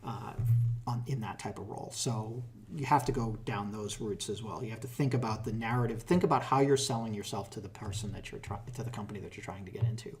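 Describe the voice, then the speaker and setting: A middle-aged tech hiring manager with a Boston accent gives advice in a relaxed, casual interview. His voice is on the low side and he talks fast, with plenty of fillers and restarts.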